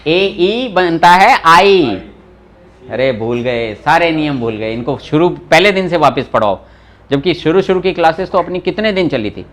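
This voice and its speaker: High, lively male language teacher. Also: a little slow. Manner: explains patiently, quizzes students by name, mild teasing scolds. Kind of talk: live online class teaching.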